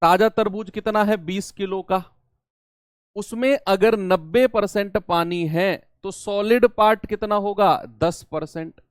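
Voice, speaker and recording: A man's voice: high voice, slow, clean tone, no room sound, studio quality. A man teaching a math lesson, explaining problems step by step and asking his students questions as he goes.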